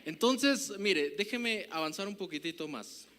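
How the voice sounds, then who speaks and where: A man with a Mexican Spanish accent preaching a sermon as pastor, emphatic and rising to loud declarations, often asking the congregation to agree. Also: high voice, lively intonation, unhurried. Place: church hall. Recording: live hall reverb.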